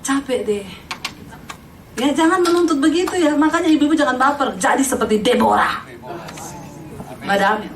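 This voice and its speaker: High-voiced woman preaching in an echoey hall. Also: normal speed, pauses often, a little hiss or hum. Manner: animated storytelling with quoted voices and laughter. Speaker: pastor. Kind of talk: humorous sermon. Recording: echoey hall, mic from a distance.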